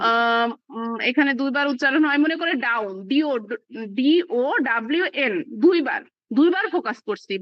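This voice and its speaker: A woman's voice: high-pitched, dry recording, muffled recording. A woman teaching a live online class, explaining step by step with plenty of fillers. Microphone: video call.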